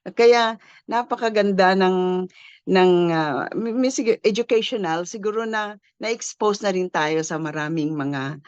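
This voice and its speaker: A woman's voice: mid-range voice, smooth, no echo. Filipino woman on a dull, dry line. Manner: warm agreeing backchannels, laughs, halting fillers. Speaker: radio show host. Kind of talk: casual radio chat, Taglish. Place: in the United States.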